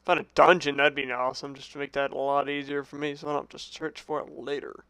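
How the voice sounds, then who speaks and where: A young man commentating his own game as he plays, joking with the game and yelping when startled, then dropping to a hushed mutter when tense. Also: fairly high pitch, level tone, fast, no room sound. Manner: jokey, talks to the game, yelps when startled. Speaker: gaming channel host. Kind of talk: Minecraft let's play commentary.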